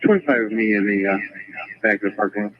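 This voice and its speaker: A man's voice: fairly low pitch, fast, a little hiss or hum. A man checking in over a police radio with terse, brief reports. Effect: police radio transmission. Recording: tinny radio transmission.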